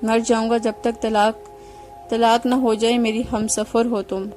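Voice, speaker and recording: A woman's voice: a little high, level tone, soft background music, natural voice. A woman voicing a heartbroken young husband who pleads with his wife, in her own reading voice. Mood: pleading. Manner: pleading, then sharp and raised when angry.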